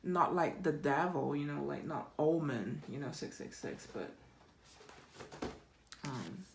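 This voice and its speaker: A woman reading tarot cards in a slow, unhurried way, her voice sitting a little low. She reassures the listener and often checks in with a soft "right?", with plenty of "um"s between thoughts. She is close to the mic in a quiet room. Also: expressive, creaky, slight background noise. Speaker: tarot reader. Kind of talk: pick-a-card tarot reading.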